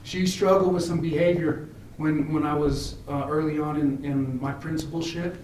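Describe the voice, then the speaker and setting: A hoarse male principal addresses a school committee, pausing often and restarting his sentences. His voice sits a little high for a man. He is picked up from across an echoey meeting room, with faint noise underneath. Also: fairly even intonation, darkish tone, recorded from a distance. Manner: halting, with many fillers and restarts. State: losing his voice.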